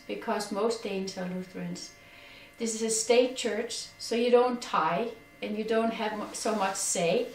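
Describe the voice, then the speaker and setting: Middle-aged Danish woman, earnest testimony, fairly high voice, a little off-mic. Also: a little mellow, slight background noise. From Denmark. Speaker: personal testimony speaker. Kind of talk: personal testimony. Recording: echoey room, distant from mic.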